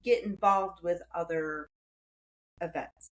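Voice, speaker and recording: A woman's voice: on the low side, slow pace, low-quality recording. A retired woman, a podcast guest, talking casually with some hesitation and fillers. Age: older. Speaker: guest, beach cleanup co-founder.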